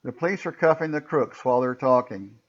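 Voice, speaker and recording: A man's voice: medium pitch, fairly quick, lo-fi sound. A man narrating a story in a plain, matter-of-fact reading voice.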